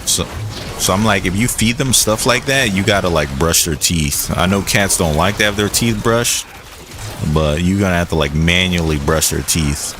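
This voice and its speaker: A young man with a deep, low-pitched voice chats casually while streaming a game. His talk is loose and rambling, full of fillers and restarts. A faint background hum sits under the voice. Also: moderate pace. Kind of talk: casual gaming commentary.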